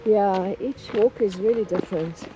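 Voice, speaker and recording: High voiced guy chatting slow and hesitant on a hike, super windy noisy audio. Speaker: vlog co-host. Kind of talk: casual chat while hiking. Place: outdoors on a walking trail. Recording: very noisy, windy outdoor recording. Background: loud wind and outdoor noise.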